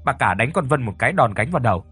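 A man's voice: medium pitch, big pitch swings, rapid-fire, fairly bright tone, breathy edge, dry recording, faint music behind, heavily acted. A man voicing a frightened young male servant who stammers and speaks deferentially. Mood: stammering.

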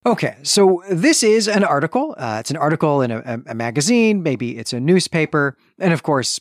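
Speaking a little fast and a bit high, with big swings in pitch, this man co-hosts a podcast about books. He recaps stories in a discursive, chatty way, hedging frequently, and the clean studio recording carries no room sound.

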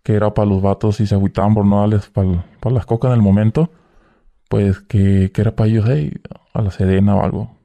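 A man's voice: on the low side, flat delivery, fast, dark tone. A young man, a guest in a casual interview, telling his story in slang and acting out the dialogue. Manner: slangy, acts out quoted dialogue. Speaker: guest, former cartel worker.

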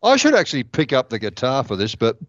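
A man's voice: mid-range voice, huge pitch swings, quick pace, a bit bright, no echo. A man, a musician guest, telling rambling stories on a headset over a slightly dull line. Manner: rambling, laughing storyteller. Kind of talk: casual radio chat.

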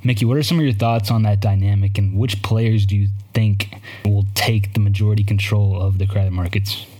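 A man hosting a podcast, giving market commentary in a measured, explanatory way. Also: on the low side, fairly even intonation, dark tone, soft background music. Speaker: podcast host.

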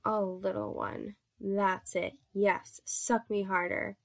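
A woman voicing a dominant but gentle adult male lover in an erotic story reading, speaking softly and low. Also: little pitch movement, slow, vocal fry. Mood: tender, commanding.

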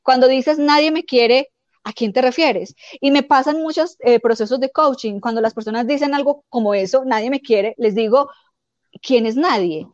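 A woman life coach giving calm, explanatory spiritual self-help advice, often acting out quoted dialogue. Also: on the high side, moderate pace, no echo, highs cut off.

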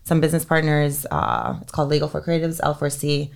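This is a low-sitting, creaky female voice that moves fairly quickly and swings widely in pitch. The speaker is a thirtysomething entertainment lawyer from Finland, chatting casually as a podcast guest and leaning heavily on "like" and "um."

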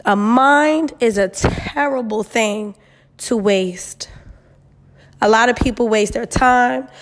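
Sassy 20s woman, kinda high voice, blunt slangy advice chat, lots of cursing, echoey empty room sound. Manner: blunt, sassy, heavy swearing, emphatic. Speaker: host of a girl talk advice show. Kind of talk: casual solo chat with advice, frank and slangy. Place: new, mostly empty apartment.

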